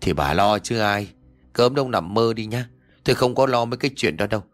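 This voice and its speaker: A man voicing a kindly but fussy older village man who talks bluntly and briskly. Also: lowish voice, faint music behind, natural voice.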